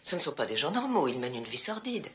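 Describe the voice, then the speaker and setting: A worldly, sharp-tongued mother in a dubbed film. Her low voice swings widely in pitch and has a bright edge. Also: big pitch swings, fast. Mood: disapproving. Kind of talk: film dialogue, dubbed into French. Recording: film soundtrack with clear background noise.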